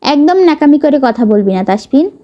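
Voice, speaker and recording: A woman's voice: high-pitched, big pitch swings, fairly quick, dull audio. A woman voicing a stern, sulking middle-aged mother who scolds sharply. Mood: scolding.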